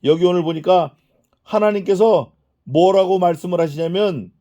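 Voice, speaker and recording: Man, middle-aged pastor, high-pitched, warm mellow tone, sermon, asks questions and answers them. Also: moderate pace. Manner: acts out quoted prayers and speech. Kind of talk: expository sermon.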